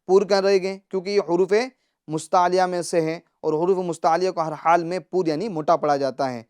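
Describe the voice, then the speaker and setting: A Quran teacher on a televised reading lesson who recites words slowly and drawn out, then explains briskly, asking questions and answering them. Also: medium pitch, steady tone, a little mellow, clear, resonant tone.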